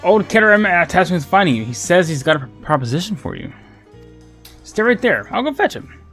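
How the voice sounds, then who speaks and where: An eager messenger from a video game, darting higher in pitch than a normal speaking voice, as a man reads him out. Faint game music sits behind the lines. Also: sing-song, fairly quick, fairly bright tone.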